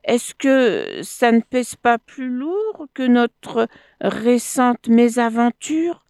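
A woman doing a gullible male crocodile, high and eager. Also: very animated, measured pace, no room sound, clean studio sound. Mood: pleading. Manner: wheedling and coaxing.

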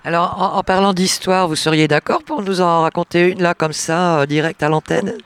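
A male radio interviewer with a fairly high voice puts courteous questions to his guest. He adds the odd hesitation as he introduces each topic. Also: fairly even intonation, fairly bright tone, clean tone. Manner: polite, brisk questioning with fillers.

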